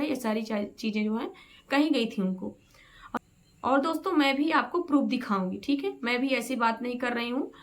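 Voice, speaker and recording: Woman vlog host, high voice, chatty gossip commentary. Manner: chatty, keeps saying "okay" to viewers.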